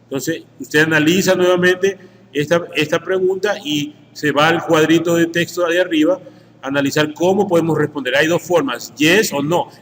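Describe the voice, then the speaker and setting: A man's voice: on the high side, fairly even intonation, normal speed, fairly bright tone. A man with an Ecuadorian Spanish accent teaching an English grammar lesson, working through each example step by step and checking in with "¿sí?" after nearly every sentence. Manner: explains step by step, tags sentences with "¿sí?". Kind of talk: screen-share grammar lesson. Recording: echoey room with faint background noise.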